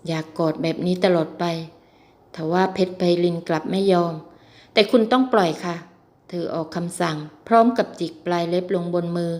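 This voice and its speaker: A woman narrates a romance novel in steady, even storytelling. Her voice sits somewhat low for a woman, and she lifts it brightly when the heroine speaks. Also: brisk. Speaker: audiobook narrator.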